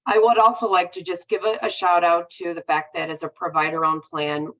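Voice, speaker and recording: A woman's voice: on the low side, fairly even intonation, brisk, fairly bright tone, low-quality recording. A woman speaking as a health plan representative on a panel, earnest and appreciative. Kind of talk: panel remarks.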